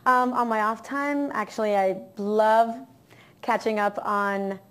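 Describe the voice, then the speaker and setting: A woman's voice: medium pitch, fairly even intonation, takes it slowly, fairly bright tone. A woman with a Miami accent, chatting upbeat as an actress guest in an interview. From Miami, Florida, USA. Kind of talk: casual interview chat.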